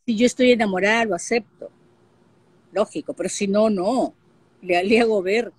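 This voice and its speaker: An older Peruvian woman speaks as an interview guest, recounting her life in lively stories sprinkled with fillers. Her voice is husky at a medium pitch and comes over a video call. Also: moderate pace, no echo. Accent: Peruvian Spanish. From Peru. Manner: lively storyteller, frequent fillers. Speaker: guest, actress and broadcaster. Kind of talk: casual interview talk.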